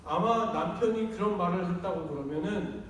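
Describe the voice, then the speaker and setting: A man's voice: high-pitched, moderate pace, slight background noise. A man preaching a sermon as pastor, chatty and acting out quoted lines. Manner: conversational, acts out quoted lines. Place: church sanctuary. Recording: echoey church hall from far off.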